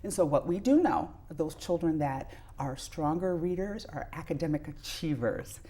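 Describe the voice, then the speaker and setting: A woman's voice: low voice, animated, normal speed, mellow, husky. A middle-aged woman, a pediatrician giving earnest explanations with examples as an interview guest. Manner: earnest, illustrates points with examples.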